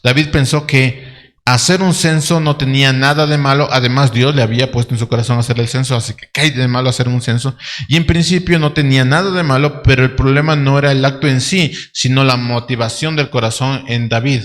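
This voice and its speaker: A man's voice: mid-range voice, steady tone, fairly quick, fairly bright tone, long reverb tail. A man preaching a sermon as pastor, conversational, with asides and rhetorical questions. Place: church.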